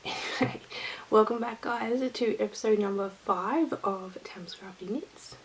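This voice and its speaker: A woman's voice: medium pitch, unhurried, a little hiss or hum, poor audio. A woman hosting her own knitting vlog, talking to camera in a rambling, easygoing chat. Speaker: knitting vlogger.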